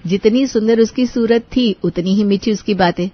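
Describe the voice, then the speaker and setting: Husky woman narrating a storybook cartoon. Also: mid-range voice, normal speed, dull audio.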